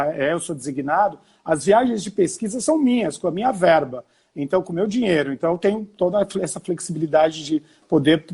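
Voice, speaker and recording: A man's voice: on the high side, a little mellow, slightly rough. A man from Portugal, a university professor, hosting a casual live-stream conversation over a video call and explaining at length with restarts.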